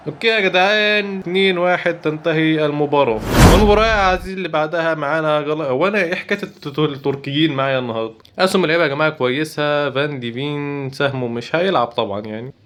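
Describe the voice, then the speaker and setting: A young man with an Egyptian Arabic accent giving excitable live commentary over football gameplay, breaking into rapid repeated cries. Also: on the high side, slight background noise. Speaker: gaming YouTuber.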